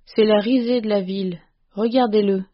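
A woman voicing a fierce, domineering old woman servant in a storybook reading, with loud, scolding outbursts, on a dull, lo-fi recording. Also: mid-range voice, fairly even intonation, moderate pace, lightly acted. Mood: furious.

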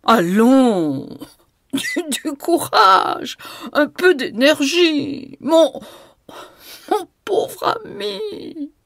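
A woman's voice: lowish voice, big pitch swings, slow pace, no echo, clean studio sound, heavily acted. A woman reading aloud and voicing a playful, mocking young widow who provokes and giggles. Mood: laughing. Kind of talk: audiobook reading.

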